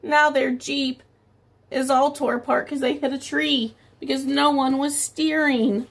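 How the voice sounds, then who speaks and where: In a small indoor room at home near a window, a middle-aged woman with a high voice reads a picture book to preschoolers as their teacher. Her pace is slow, her story phrases expressive and drawn out, and she pauses for simple explanations along the way.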